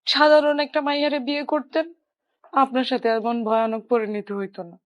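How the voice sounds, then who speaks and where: An actress playing a wronged young wife who pleads and apologizes. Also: female voice, high voice, a little fast, lightly acted. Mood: sorrowful. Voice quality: pleading, tearful. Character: wronged young wife back from work abroad.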